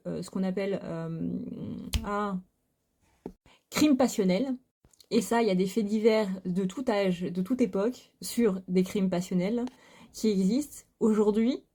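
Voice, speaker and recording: A spiritual YouTuber speaks frankly to her viewers in a casual vlog filmed at home, talking straight to the camera with lots of fillers and restarts. Her voice is mid-range and dark in tone, and a vacuum cleaner runs nearby.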